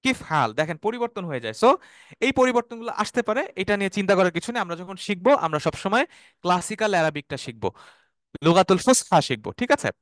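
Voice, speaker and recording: High, smooth-voiced man teaching Arabic. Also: expressive, a bit bright, no room sound, studio quality. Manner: explains slowly, repeats terms, checks "ঠিক আছে?"; has students repeat words after him. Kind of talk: online class lecture.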